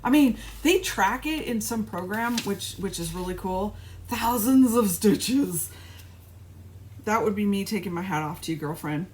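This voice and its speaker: This middle-aged woman's cross-stitch vlog chat is casual and rambling, full of restarts and small laughs. She speaks at normal speed in a mid-range voice, with few pauses.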